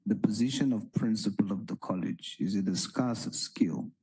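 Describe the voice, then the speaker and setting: A man grills a witness at a hearing, asking slowly and insisting on answers. His voice is low and husky, with a dark tone. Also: poor audio. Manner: slow, pressing, repeats his questions. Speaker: parliamentary committee member. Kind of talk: formal questioning at a hearing.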